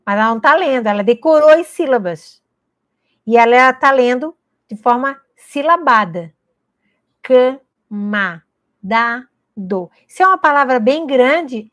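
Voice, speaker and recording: A Brazilian woman educator with a slightly high voice gives an emphatic teaching talk, putting rhetorical questions to parents and teachers and answering them at once. The recording is dry and close, with no room sound. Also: fairly bright tone, dry recording. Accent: Brazilian Portuguese.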